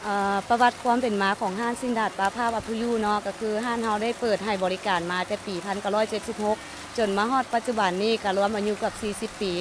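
Young woman, restaurant owner in interview, rapid and matter-of-fact, handheld mic outside, loud rain-like noise. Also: medium pitch, fairly even intonation. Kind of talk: interview answers. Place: outdoor restaurant at night. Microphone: handheld microphone.

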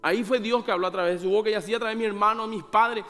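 A man with a high voice delivers a sermon in a chatty, personal style. He acts out little exchanges of dialogue and keeps asking his listeners questions. He sounds like he is in a hall with long reverb. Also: fairly even intonation, very fast, fairly bright tone, faint music behind. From Paraguay. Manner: conversational preaching with rhetorical questions and acted-out dialogue. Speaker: pastor. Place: church hall.

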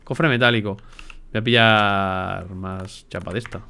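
Swearing, excitable gameplay streamer man. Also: fairly low pitch, measured pace, creaky, clear, resonant tone. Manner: excitable, swears a lot, talks to himself. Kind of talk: casual gameplay commentary.

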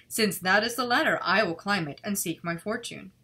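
A woman voicing a young king's son in a fairy tale, in her own bright voice, slightly raised. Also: medium pitch, moderate pace, slightly rough. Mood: determined.

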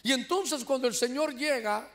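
A Honduran man preaching a sermon in church, lively and animated, often calling out to his listeners as brothers. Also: very high voice, moderate pace. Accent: Honduran Spanish. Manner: shouts when voicing quoted cries. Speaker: pastor. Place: church sanctuary.

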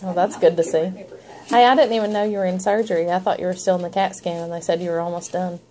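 A woman's voice: lowish voice, steady tone, quick pace, warm tone, low-quality recording. A young woman chatting casually as she films her partner. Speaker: patient's partner filming. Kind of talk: casual chat. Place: small indoor clinic recovery room. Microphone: handheld camera, she is behind it.

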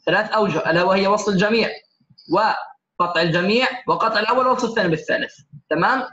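A man's voice: high voice, a bit bright. A man teaching Quran recitation, going over test answers one by one and often checking in with "okay?". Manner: corrects answers one by one, often asks "تمام؟". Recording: echoey room, slightly dull lo-fi sound.

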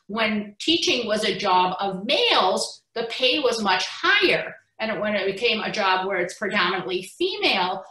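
A middle-aged woman physician giving a conference keynote over a video call, explaining slides with lively emphasis and the odd restart. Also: medium pitch, roomy sound, low-quality recording.

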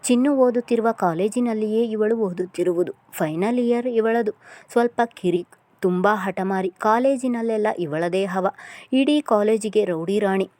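A woman narrating a serialized novel, reading in an even storytelling delivery. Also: mid-range voice, normal speed, no echo. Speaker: audiobook narrator.

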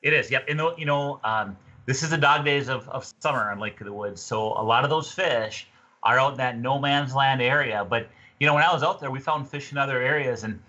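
A fishing tourism representative in his fifties guests on a podcast, chatting folksily and casually as he gives a fishing report by video call. His medium-pitched voice is fairly quick, bright and forceful. He's in a small indoor room, and the call audio sounds dull and lo-fi.

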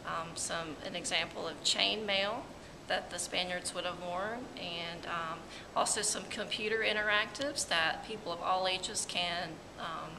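A woman museum curator answering interview questions in an informative way, pausing often with filler words. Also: on the low side. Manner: hesitant, many ums, informative. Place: large museum exhibit hall, indoors. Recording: reverberant hall with clear background noise.

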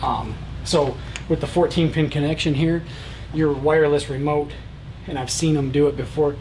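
A man's voice: on the high side, normal speed, slight background noise. A man in his thirties casually demonstrating welding equipment in a large warehouse, speaking plainly with lots of "uh" and "um" fillers. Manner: relaxed, plain-spoken, many "uh" and "um" fillers. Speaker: welding supply product reviewer.

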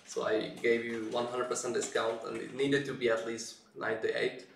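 A man's voice: medium pitch, level tone, normal speed, slight background noise. A man co-hosting a live stream in easygoing casual chat, laughing often, his voice carrying a heavy echo as in a canyon. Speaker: co-host of a software live stream. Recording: echoey room, distant from the mic.

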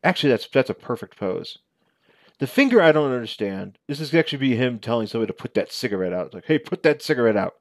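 A man in his forties giving a casual, unscripted show-and-tell commentary as a reviewer, halting and correcting himself as he goes. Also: medium pitch, big pitch swings, no room sound. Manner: halting, conversational, self-correcting. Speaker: toy reviewer. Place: small living room at home. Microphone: headset.

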